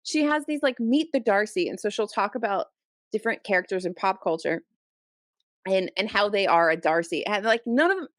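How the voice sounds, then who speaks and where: Podcast co-host, woman, middle pitch, animated exasperated rant, close dry mic. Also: brisk, dry recording. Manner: animated, exasperated ranting with many restarts. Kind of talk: casual chat.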